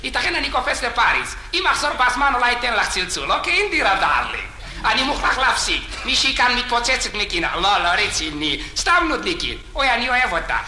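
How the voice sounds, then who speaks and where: A man's voice: very high-pitched, sing-song, roomy sound, exaggerated voice, low-quality recording. A man playing a boastful phone-bragging womanizer. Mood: smug. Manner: rapid bragging chatter breaking into frantic shouts. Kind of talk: comic sketch.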